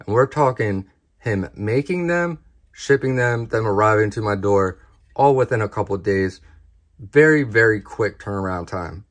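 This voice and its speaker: A man's voice: lowish voice, normal speed. A man hosting a knife review channel, talking casually and plainly to his viewers as he shows off parts. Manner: relaxed, plain-spoken, addresses viewers as guys.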